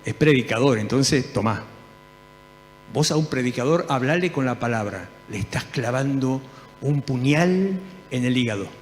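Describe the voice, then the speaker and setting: A man with an Argentine accent preaching a sermon in a church, telling stories lively and acting out the dialogue. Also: medium pitch, normal speed, slight background noise. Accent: Argentine Spanish. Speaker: pastor. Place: church hall. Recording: long hall reverb.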